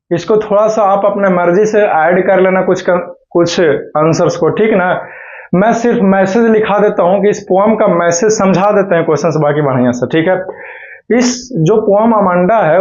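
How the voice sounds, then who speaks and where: A man teaching a school English class, often checking that students follow and dictating answers slowly. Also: sits high, a little mellow. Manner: keeps checking in with students, slow word-by-word dictation. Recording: dull lo-fi recording.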